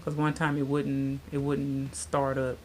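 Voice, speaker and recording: A woman's voice: rumbling low, completely flat delivery, measured pace. A woman in her late thirties chatting casually to her viewers, rambling with lots of fillers. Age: 30s. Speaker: vlogger. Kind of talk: casual chat.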